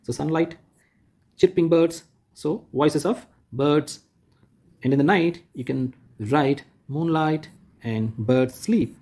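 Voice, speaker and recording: This teacher walks young pupils slowly through a textbook lesson in a fairly high voice that is mellow and a little husky. He repeats each point, rephrases it, and points things out, demonstrating "like this" as he goes.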